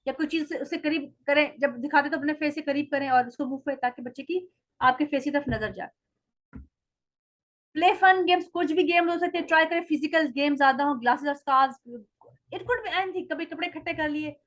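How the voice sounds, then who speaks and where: A woman giving a presentation to parents on child development. She reads English slide points slowly, then explains them in Hindi. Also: high-pitched, a bit bright, muffled recording.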